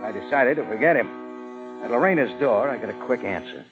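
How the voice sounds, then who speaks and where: An actor playing a tough private detective, narrating and talking in a clipped, dry way in a 1940s radio drama. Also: male voice, mid-range voice, lively intonation, a little fast, natural voice, rough recording. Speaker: lead and narrator. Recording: old radio broadcast with music.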